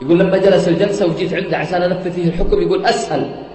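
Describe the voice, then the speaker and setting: A man preaching with a high voice and a rapid, dramatic delivery. He retells a story in a sermon, swearing oaths and repeating "he says" as he goes. The room is echoey, with faint music underneath. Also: steady tone.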